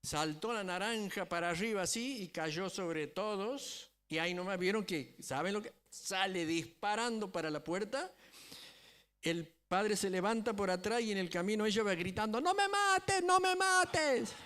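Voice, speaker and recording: A man's voice: sits high, normal speed, a bit bright, clean tone. A man preaching a sermon as a pastor, telling a story and often checking in with the congregation. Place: church.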